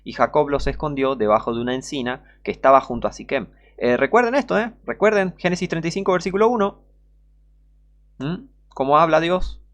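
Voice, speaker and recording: A man's voice: fairly high pitch, fairly quick. A man with a Rioplatense Spanish accent who preaches an online sermon, emphatic and scolding, repeating his points and reading scripture aloud.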